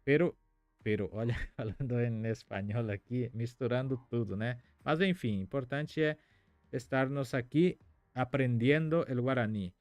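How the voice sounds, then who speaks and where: A man's voice: medium pitch, measured pace, a little mellow, no echo, faint music behind. A man from Paraguay, whose first language is Spanish, teaching a Guarani lesson on a live stream in a chatty way, reading out viewer comments and thinking aloud with many fillers.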